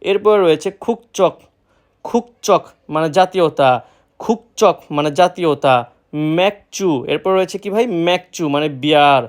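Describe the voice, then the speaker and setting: A man's voice: high voice, moderate pace. A young man from Bangladesh teaching a vocabulary lesson, repeating each word and answering his own questions. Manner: repetitive drill, asks and answers own questions. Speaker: language teacher.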